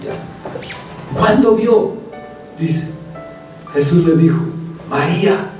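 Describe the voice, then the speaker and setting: Guy preaching a sermon, bit high voice, mellow, booming echo in the hall, mic kinda far off, faint music behind. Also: expressive, very slow. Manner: emphatic preaching, addresses the congregation as brothers. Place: church hall.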